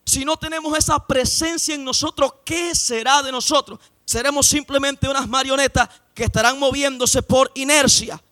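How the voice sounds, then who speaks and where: A man preaching in a church service with a strikingly high-pitched voice. His tone is bright and ringing, and he delivers his sermon with passion, often rising into shouts and a sing-song cadence. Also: fairly even intonation, moderate pace, hardly any pauses. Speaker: pastor.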